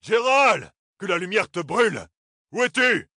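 A hot-headed young nobleman bellowing in rage, his voice forced high and loud as a male reader acts him out. It is a storybook audiobook reading with a husky, dry sound. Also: big pitch swings, unhurried, no echo, heavily acted. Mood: furious. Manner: bellowing, furious.

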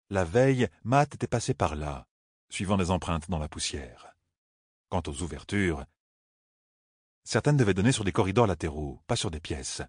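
A man narrating a fantasy novel as a steady audiobook reader. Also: low-pitched, husky, no echo, clean studio sound. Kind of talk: scripted narration.

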